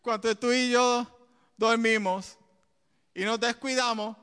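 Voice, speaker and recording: A man preaches with a high, smooth and resonant voice. His delivery is animated, full of quick asides and laughter. The sound has the long reverb of a large hall. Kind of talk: sermon.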